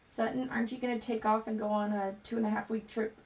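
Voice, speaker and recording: A woman's voice: a little high, little pitch movement, fast talker, a little mellow, rough recording. A woman co-hosting a live card break, reading out viewer comments and teasing her co-host. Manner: reads out chat comments and teases her co-host. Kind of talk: casual live stream chat.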